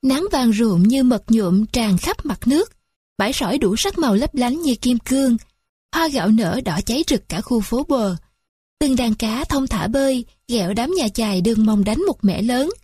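A woman's voice: fairly high pitch, expressive, moderate pace, mellow, husky, dry recording, studio quality. A woman narrating a literary story in a lyrical, mournful reading.

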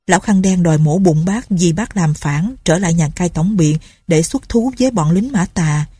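A woman's voice: lowish voice, moderate pace, mellow, breathy edge, dry recording. A woman voicing an earnest, scheming teenage peasant boy who pleads and reassures. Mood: urging.

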